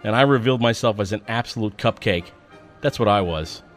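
A man telling a personal story as a monologue, in an animated, profane and self-mocking way. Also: lowish voice, brisk, faint music behind.

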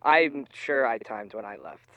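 A man's voice: medium pitch, a little slow, no echo, lo-fi sound. A man with an electronically disguised voice, chatting casually and teasingly as an interview guest. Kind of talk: casual chat.

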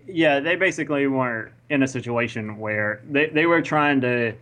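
A man's voice: mid-range voice, moderate pace, a bit bright. A man in a casual podcast chat, carefully correcting his own words as he goes.

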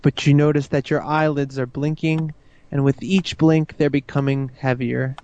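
Slow soothing male hypnotist. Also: a little high, level tone, warm tone, lo-fi sound. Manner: slow, soothing, repetitive suggestions. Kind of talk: guided hypnosis induction.

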